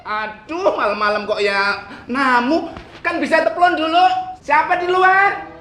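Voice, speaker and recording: A woman's voice: sits high, measured pace. An actress playing a flirty, easily annoyed woman fussing over her sweetheart in a film comedy. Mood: annoyed, coaxing. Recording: echoey room with loud music.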